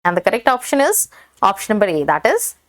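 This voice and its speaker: A female teacher works through practice questions for an exam. She reads the options out in an even, measured way and stresses each right answer. Her pitch sits in the middle range for a woman. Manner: steady reading of options, stressing the correct answer.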